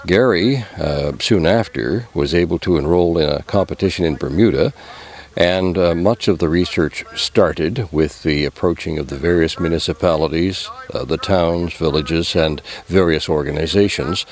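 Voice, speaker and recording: A man answering interview questions as an organiser, in measured and formal wording. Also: deep voice. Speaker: competition organiser.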